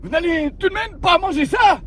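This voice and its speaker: A man doing a grandpa taxi driver with a squeaky, very high voice who stammers and gets flustered at every turn. He is polite but easily taken aback. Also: lively intonation, a little fast, fairly bright tone, a little hiss or hum.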